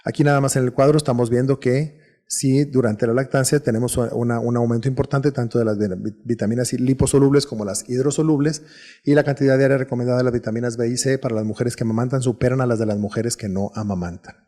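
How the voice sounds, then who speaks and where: A man with a Mexican Spanish accent delivers a recorded medical lecture at a steady, explanatory pace. His voice sits at a middling pitch with a mellow, dark tone. He often stumbles, repeats words and restarts his sentences. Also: fast talker.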